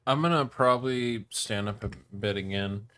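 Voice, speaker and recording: A man's voice: fairly low pitch, moderate pace, a bit bright, a little hiss or hum. A wheezy man with throat trouble and a cough, chatting casually and swearing as he streams a game. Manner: sweary, informal. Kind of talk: casual gaming stream chat.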